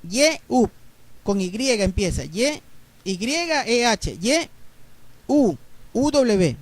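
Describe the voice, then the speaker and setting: A man preaching a Bible teaching sermon, explaining word roots slowly and checking in with his listeners. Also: sits high, big pitch swings, no echo. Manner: explains slowly, spells letters out, asks listeners ¿verdad?.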